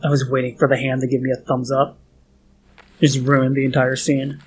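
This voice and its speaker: A man's voice: medium pitch, completely flat delivery, normal speed, faint music behind. Young guy doing chill let's play commentary, sarcastic jokes, swears, at home. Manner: joking, sarcastic, swears freely. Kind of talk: casual gameplay commentary. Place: at home in a hot room.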